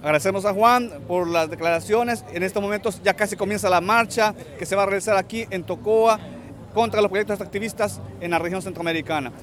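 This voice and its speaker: Brisk high-voiced male field reporter. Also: fairly bright tone. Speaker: radio reporter. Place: outdoors at a street march.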